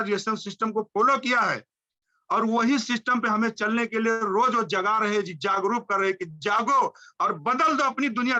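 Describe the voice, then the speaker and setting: A man giving a fervent, high-energy motivational speech, repeating phrases in a driving rhythm. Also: sharp tone, lo-fi sound. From India. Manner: fervent, repetitive chanting phrases. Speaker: motivational speaker.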